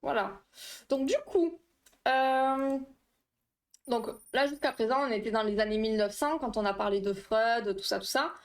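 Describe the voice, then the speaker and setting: A woman's voice: a little high, moderate pace. A woman hosting a casual livestream, explaining dream science with a quiz, chatty and laughing often while reading chat aloud. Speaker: livestream host.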